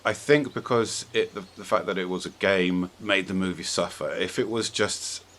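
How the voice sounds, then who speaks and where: A podcast host with a low-pitched, slightly bright voice chats casually about films and games at a moderate pace. He's tentative and rambling, thinking aloud as he goes, and background noise is clearly audible.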